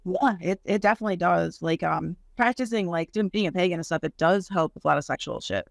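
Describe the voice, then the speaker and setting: A woman's voice: on the low side, quick pace, creaky, dry recording, studio quality. A woman hosting a podcast, chatting in an open, laid-back way and swearing casually. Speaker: podcast host. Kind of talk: casual chat.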